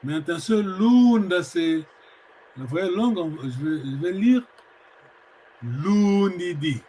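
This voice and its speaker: Man, high voice, language teacher; slow explanations, lots of hesitations and drawn-out words. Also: animated, dark tone. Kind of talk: online language lesson.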